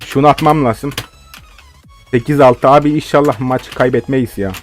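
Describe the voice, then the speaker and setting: A man's voice: mid-range voice, fairly even intonation, normal speed, soft background music. A young man giving live game commentary, ranting and swearing in frustration at his opponents. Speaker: gaming video host.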